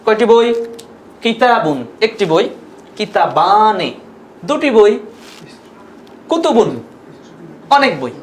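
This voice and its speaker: A man teaching Arabic grammar in an online lesson, patiently repeating each word slowly so students can follow. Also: high-pitched, expressive. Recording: echoey room with faint background noise.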